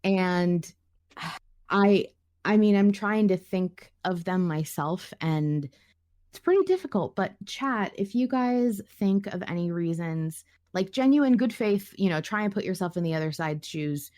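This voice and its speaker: This podcast host has a fairly low, slightly mellow voice that is animated yet unhurried. She leads a casual discussion, musing aloud conversationally and now and then reading comments.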